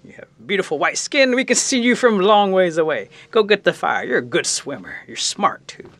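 A man's voice: high voice, very animated, normal speed, fairly bright tone, dry recording, voice pushed up, heavily acted. A man doing a solemn council-leading bear. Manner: solemn and commanding. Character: wise male bear, chief of council. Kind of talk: oral storytelling.

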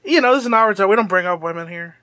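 A young man co-hosts a podcast in loose, animated chat, quick to laugh and to swear. His voice sits high and bright. The sound is dry and close. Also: no room sound. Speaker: podcast co-host. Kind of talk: casual anime recap chat.

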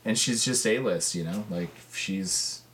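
A man co-hosting a podcast in casual chat, laid-back and quick to laugh. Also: deep voice, fairly bright tone, a little hiss or hum. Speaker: podcast co-host.

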